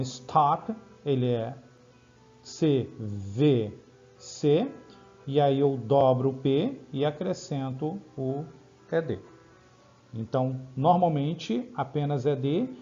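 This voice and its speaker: A Brazilian man teaching English grammar in Portuguese, explaining rules step by step and checking in with quick questions. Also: medium pitch, mellow, muffled recording. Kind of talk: grammar lesson over slides.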